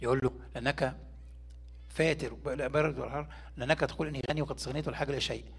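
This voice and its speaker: Fast, husky Egyptian preacher. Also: male voice, medium pitch. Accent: Egyptian Arabic. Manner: lively, swings between emphatic and hushed whispers. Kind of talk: sermon.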